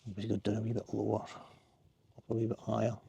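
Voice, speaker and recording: Scottish male photographer, middle-aged, low gravelly voice, casual chatty outdoor vlog. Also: completely flat delivery, normal speed, dark tone. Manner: chatty, talks to himself while walking. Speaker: landscape photographer. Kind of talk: casual vlog narration while hiking. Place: outdoors in riverside woods.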